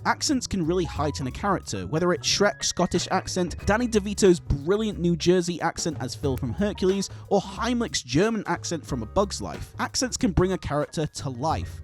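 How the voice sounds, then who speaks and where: A man reading a scripted video essay as its narrator. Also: high voice.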